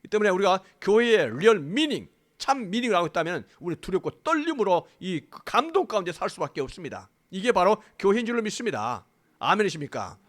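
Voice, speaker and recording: Man, pastor, sermon, emphatic, lively rising and falling pitch. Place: church sanctuary.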